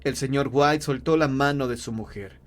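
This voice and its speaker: A man narrating a horror tale in a measured, grave storytelling voice. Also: medium pitch.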